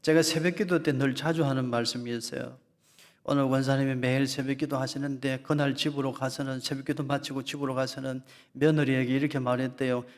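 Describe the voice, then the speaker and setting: A man's voice: medium pitch, flat delivery, a little fast. A man preaching as a pastor in an emphatic Sunday lecture sermon, repeating key phrases and speaking straight to his congregation. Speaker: senior pastor. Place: church sanctuary.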